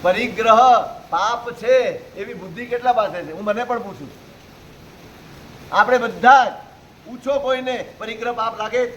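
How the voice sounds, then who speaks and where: A man's voice: extremely high pitch, a little slow, pauses often, a bit bright, slight background noise, low-quality recording. A man preaching a sermon to a live audience, pressing them with rhetorical questions and exhortations. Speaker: Jain preacher.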